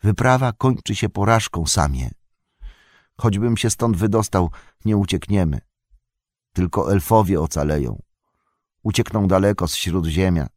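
A man's voice: low voice, darkish tone, dry recording, studio quality. A man voicing a weary young male hobbit who turns despairing and grasping, in a raised, strained voice.

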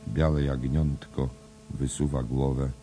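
A man reading a novel written as a play, measured and even, reading the stage directions aloud. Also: a bass voice. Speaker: audiobook reader. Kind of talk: scripted narration of a play-like novel.

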